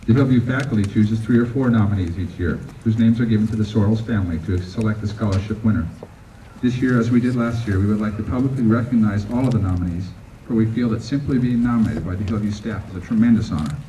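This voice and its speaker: A man's voice: on the low side, mellow. Man at a ceremony on an old VHS tape. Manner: measured, reads from a script. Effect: old home VHS tape recording. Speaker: school ceremony presenter. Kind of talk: formal announcements at a ceremony. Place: school auditorium. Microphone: camcorder mic far from the stage. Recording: distant hall voice on noisy old VHS tape.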